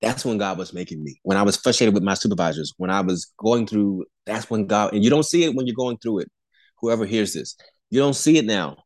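Tiefstimmiger Mann, ernst predigend. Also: male voice, lowish voice, fairly quick, a little mellow, dry recording. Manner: earnest preaching tone, many restarts and repeated words, chuckles between phrases. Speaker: pastor and Air Force airman, podcast guest. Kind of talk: candid faith testimony in a podcast conversation.

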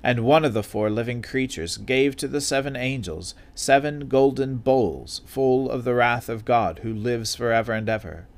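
A man reading scripture aloud at an evening church service, in a measured, solemn and formal delivery. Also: mid-range voice. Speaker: scripture reader and officiant.

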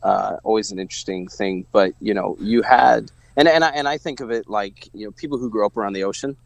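A man's voice: fairly low pitch, a little fast, gravelly, no room sound. A man from Missouri speaking as an interview guest, reflective and rambling with many fillers and restarts. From Missouri, USA. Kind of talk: casual faith-based conversation.

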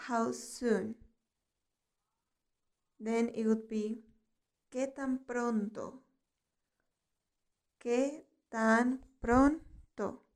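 A woman hosting a podcast lesson, reading out phrases in two languages and repeating each one slowly for listeners to copy. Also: a little high, darkish tone. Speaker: language teacher and podcast host. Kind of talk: slow bilingual vocabulary lesson.

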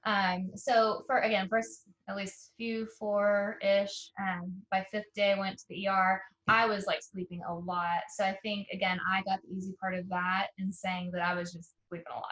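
A young woman, an interview guest, tells a personal story in a casual, earnest way, halting often with fillers and restarts. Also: mid-range voice, level tone, a bit bright, poor audio. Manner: emotional and earnest.

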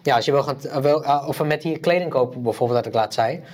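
A man co-hosting a podcast, chatting casually with a lively, enthusiastic delivery and many restarts. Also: medium pitch, fast talker. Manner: animated, enthusiastic, lots of restarts. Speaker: podcast co-host. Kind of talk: casual chat.

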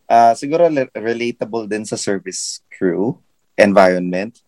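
A man in casual podcast chat, his pitch jumping lively as he explains how words should sound. The recording is dry and close. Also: measured pace, no echo. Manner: lively, explains pronunciation carefully. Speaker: guest, English trainer.

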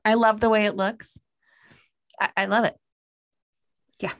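Woman, podcast co-host, casual playful chat, vocal fry, home office. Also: mid-range voice, level tone, a little slow. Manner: playful, laughs often.

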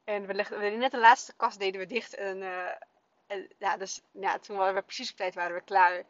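A woman's voice: medium pitch, little pitch movement, fairly quick, no echo. Chatty mom-host in her thirties, casual podcast storyteller, lo-fi sound. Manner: chatty, warm storytelling with many fillers. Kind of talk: casual spoken podcast monologue. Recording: dull, dry lo-fi sound.

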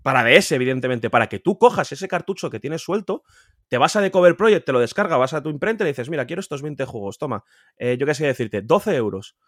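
A man from Spain with a Spain Spanish accent, a collector guest talking casually on a podcast, emphatic and animated, repeating words and swearing freely. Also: quick pace, no echo, studio quality. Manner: animated, pitch jumping up when insisting. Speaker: guest, video game collector.

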